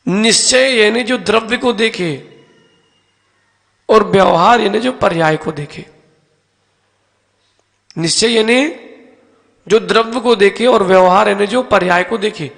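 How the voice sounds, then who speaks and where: A man's voice: high voice, unhurried, creaky, long pauses, a bit bright. A male Jain monk gives a teaching sermon in a temple hall. He explains ideas step by step with everyday objects and asks his listeners questions, calling on them by name.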